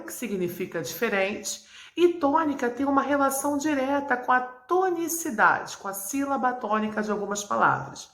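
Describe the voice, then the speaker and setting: A woman's voice: on the high side, a bit bright. Brazilian woman teaching in an echoey room. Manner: didactic, repeats and spells out terms. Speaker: Spanish teacher. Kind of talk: video lesson to camera.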